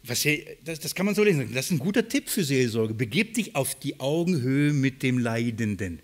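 A man preaching a sermon, alternating loud emphatic scripture quotes with quiet conversational asides. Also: mid-range voice, sing-song, a little fast.

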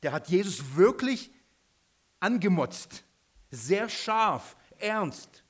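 A man's voice: high-pitched, sing-song, drawn-out words, breathy edge. A man preaching a sermon, emphatic, repeating his points and asking the listeners questions.

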